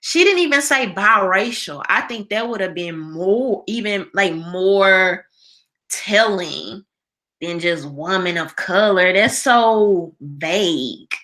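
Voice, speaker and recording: Speaking slowly with a mid-range, fairly bright voice and lively intonation, this American live show host chats casually on a livestream. She reads out viewers' comments and responds with colloquial, emphatic opinions.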